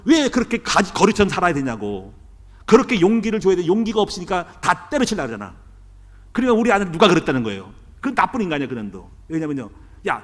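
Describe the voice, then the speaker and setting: A man's voice: high voice, long reverb tail. A middle-aged man from South Korea, a pastor giving a sermon in a church, with a conversational preaching manner full of quoted asides. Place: church sanctuary.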